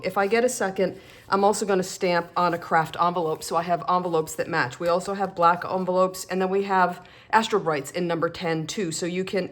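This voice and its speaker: Woman craft demonstrator, lowish pitch, chatty and self-deprecating, explains as she stamps. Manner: chatty, self-deprecating, talks while working. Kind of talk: casual craft tutorial.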